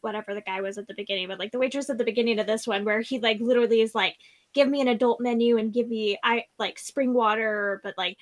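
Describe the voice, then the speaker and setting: Her voice a little high and steady in tone, a woman talks quickly as host of a relaxed book discussion. She's opinionated and blunt, dropping "like" into her sentences frequently.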